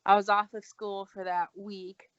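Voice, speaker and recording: A woman's voice: mid-range voice, unhurried, smooth, no echo. Young woman telling a story, dry lo-fi sound. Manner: animated, acts out quoted dialogue. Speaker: guest. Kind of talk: casual storytelling. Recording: dull lo-fi recording.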